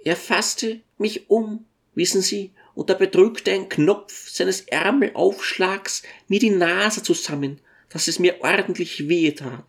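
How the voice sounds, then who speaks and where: A reader voicing a tiny, humble old dwarf who tells his story with gentle deference in an audiobook. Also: mid-range voice, fairly even intonation, measured pace, lightly acted. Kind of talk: audiobook character reading.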